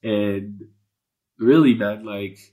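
A man with a low voice, born speaking Polish and now from Canada, talks very slowly as a guest in a candid personal interview. He's earnest and spiritual, rambling with plenty of fillers and curse words. The audio is narrow and tinny.

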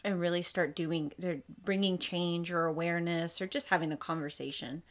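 A woman's voice: lowish voice, steady tone, moderate pace. A woman in her thirties, an artist guest on a podcast, chatting casually with a sarcastic, self-deprecating manner.

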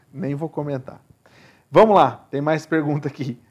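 A man's voice: on the high side, darkish tone. A man with a Brazilian Portuguese accent hosting a live podcast, casually reading out audience questions. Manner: casual, chatty, reads questions aloud.

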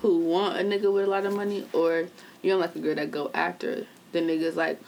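A woman's voice: lowish voice, little pitch movement, fairly quick, vocal fry, darkish tone, a little hiss or hum, low-quality recording. A young woman from Cincinnati, a podcast guest asking blunt questions in casual chat. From Cincinnati, Ohio.

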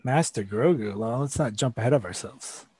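A man's voice: mid-range voice, normal speed, darkish tone, husky, dry recording. Easygoing man on a dry podcast mic. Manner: easygoing, joking, fond of fan speculation. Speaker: podcast co-host. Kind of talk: casual podcast banter.

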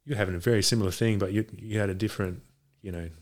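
A man's voice: on the low side, steady tone, rapid-fire. A man in a casual chat as a guest, talking in a hesitant, rambling way. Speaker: podcast guest, boxing coach. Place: home garage.

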